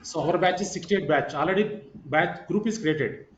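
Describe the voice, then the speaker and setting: A man's voice: a little high, moderate pace, slight background noise. A man giving an informal online lecture as a course trainer, repeating himself and checking in with "right" and "okay". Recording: roomy echo, slightly muffled sound.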